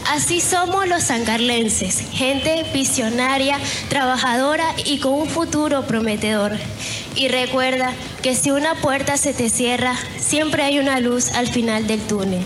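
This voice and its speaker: A woman of twenty with an Ecuadorian accent, giving a formal, declamatory pageant candidate speech. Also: sits high. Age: 20s. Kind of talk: prepared speech. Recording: noisy recording with background ambience.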